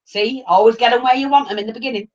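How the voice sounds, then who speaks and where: A middle-aged woman with an English accent chatting casually and telling anecdotes in a blunt, animated way on a livestream. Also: on the high side, very fast. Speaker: livestream host. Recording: dull lo-fi livestream audio.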